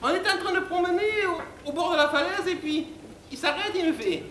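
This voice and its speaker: A man's voice: extremely high pitch, animated, fast, a crowd in the background, pitched above the performer's own voice. A man voicing a ditzy, easily amazed young woman who squeals her exclamations. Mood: dramatic. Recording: echoey room with background noise.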